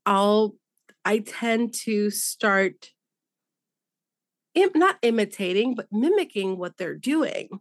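A woman's voice: medium pitch, animated, slow pace, pauses often, no room sound, clean studio sound. A woman co-hosting a true crime podcast, chatting casually and rambling with fillers and laughs. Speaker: podcast co-host. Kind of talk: casual chat.

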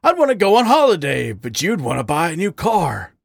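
A male reader, acting heavily, plays a raw, bitter male badger pouring out his heartache, the voice climbing high and swinging hugely in pitch between pleading and ragged outbursts. There's a gravelly grit to it, a wistful mood, and a slightly fast pace. The recording is dry and close, with no room sound around it.

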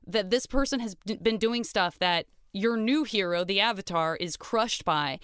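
A woman hosting a casual recap chat in an expressive, emphatic way. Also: mid-range voice, moderate pace, clean tone, no room sound, studio quality. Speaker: podcast host.

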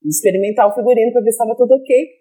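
Young woman guest, high-pitched and lively, acts out every quote as she tells it. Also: very fast. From Brazil. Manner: animated, laughing, acts out quoted lines. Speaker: guest actress. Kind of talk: casual podcast chat, storytelling.

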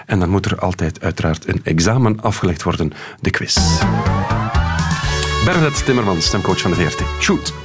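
Flemish guy hosting radio, lowish voice, bouncy intonation, jokey, faint music behind. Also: animated. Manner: playful, quick-witted questioning. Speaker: radio host. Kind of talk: radio talk show. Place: radio studio.

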